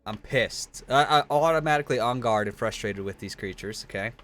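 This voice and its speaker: Blunt, swearing game player, low voice. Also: male voice, a little fast, a bit bright. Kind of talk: casual chat during a tabletop game.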